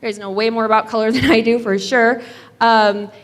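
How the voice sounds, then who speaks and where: A woman's voice: a little high, steady tone, brisk. A woman hairstylist telling a personal story as a panel guest, chatty and self-deprecating, on a handheld mic at a live event. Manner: chatty, self-deprecating, laughs between phrases. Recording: reverberant hall.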